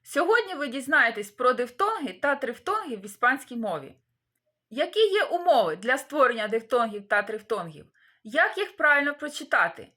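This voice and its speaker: A woman's voice: fairly high pitch, pushed and bright. A woman teaching a beginners' language lesson, explaining rules with everyday comparisons and rhetorical questions. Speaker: Spanish teacher.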